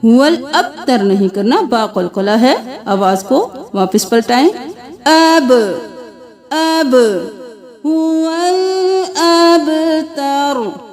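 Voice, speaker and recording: A woman recitation teacher who chants each phrase slowly and melodically, then gives rapid spoken corrections. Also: on the high side, expressive, a little mellow.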